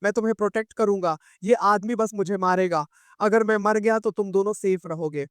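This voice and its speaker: Guy doing a sneaky little boy, acts all innocent and cheeky, highish voice, dry close sound. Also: a little fast, smooth, dry recording, close to an everyday voice. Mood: faux-innocent. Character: eight-year-old boy, sly and innocent-acting.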